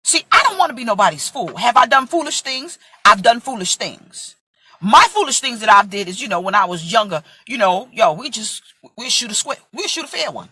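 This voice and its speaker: A woman's voice: on the high side, sing-song, a little fast, noisy background. A woman in her forties from Brooklyn, preaching in an impassioned, emphatic way and acting out voices in a vlog sermon. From Brooklyn, USA. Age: 40s.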